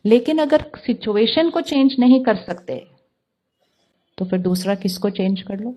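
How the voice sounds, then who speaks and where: Calm lady giving a spiritual talk, warm mellow voice, keeps asking the audience questions. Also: mid-range voice. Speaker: spiritual teacher.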